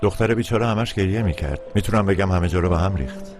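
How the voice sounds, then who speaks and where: A man voicing a calm, reassuring hospital doctor in a dubbed film. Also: sits low, music in the background, close to an everyday voice.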